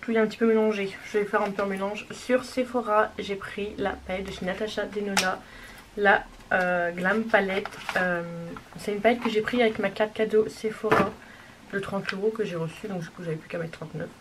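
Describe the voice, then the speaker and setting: A woman showing off a makeup haul in a casual, gushing way, sometimes dropping to a soft whisper. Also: mid-range voice, steady tone, fairly quick. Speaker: beauty vlogger. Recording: distant mic with clear background noise.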